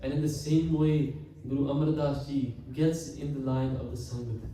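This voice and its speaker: Heard from afar in a big, heavily echoing hall with a faint hiss underneath, this Canadian man is a Sikh preacher delivering katha. His mid-range voice is dark, mellow and steady. Earnest throughout, he frequently addresses the congregation and slows on important words for emphasis.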